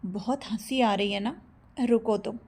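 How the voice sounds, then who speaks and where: Narrating an audio story, a woman voices a playful young male college student who teases at first, then turns sheepish and stammering when caught out. Her voice sits fairly high with a dark, husky tone, and she keeps a measured pace.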